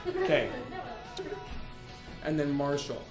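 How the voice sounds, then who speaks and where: A young man chatting in a halting, animated way. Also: on the high side, soft background music, a faint crowd. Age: young adult. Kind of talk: casual chat. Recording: echoey room.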